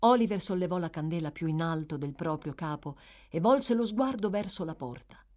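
Brief: woman narrator for a classic novel, low-set voice with wide, animated intonation. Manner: expressive, measured storytelling. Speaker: audiobook narrator. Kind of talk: scripted literary narration.

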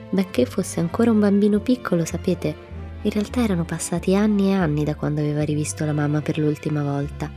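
A woman narrating a children's storybook aloud, expressive and lifting her voice for the children's lines. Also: low-pitched. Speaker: audiobook narrator. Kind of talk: storybook reading.

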